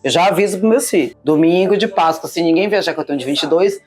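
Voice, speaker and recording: Low-voiced expansive woman from Salvador, Bahia. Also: quick pace, faint music behind. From Salvador, Bahia, Brazil. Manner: expansive, warm-hearted, emphatic. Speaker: business owner, guest. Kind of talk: conversational interview.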